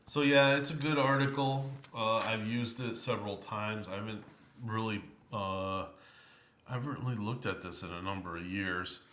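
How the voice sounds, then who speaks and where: A man giving a relaxed spoken review of an old tabletop game book, slow and rambling, full of ums and uhs. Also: fairly low pitch, reverberant, slight background noise. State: tired, yawning.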